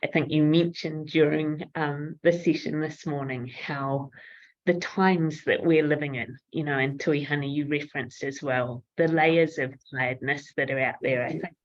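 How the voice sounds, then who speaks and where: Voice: medium pitch, fairly even intonation, normal speed. A facilitator with a New Zealand accent, thanking a guest and summing up a session, with frequent ums. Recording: dull lo-fi audio.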